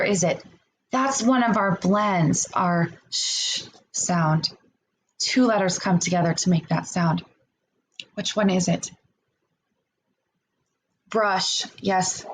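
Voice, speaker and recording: A mid-range-voiced woman runs a remote phonics lesson for little kids on a rough recording with slight background noise. She pronounces carefully, breaking words into parts and coaxing answers with encouraging questions.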